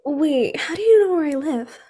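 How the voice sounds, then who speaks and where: A woman's voice: high voice, animated, moderate pace, warm tone, voice pushed up. A woman voicing a teenage girl heroine who stammers shyly and then teases. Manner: hesitant, then teasing. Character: teenage girl superheroine, shy but quick-witted.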